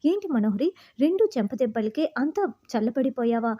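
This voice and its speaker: A woman's voice: a little high, lively intonation, normal speed, highs cut off. Woman voicing a sly teasing housewife hostage. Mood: mock-innocent. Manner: mock-innocent, taunting.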